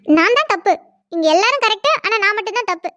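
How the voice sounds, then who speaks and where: A defiant young bride in a cartoon drama, voiced by a woman. Her voice is very high and her retorts are hot and sarcastic. The sound is dry and close. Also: expressive, fast, bright, forceful tone, no echo, full character voice.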